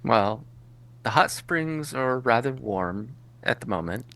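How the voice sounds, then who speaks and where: Man doing calm caretaker Chiron. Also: medium pitch, slow pace. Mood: matter-of-fact. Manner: calm, matter-of-fact, unbothered by sarcasm. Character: calm male caretaker of a paradise, former teacher.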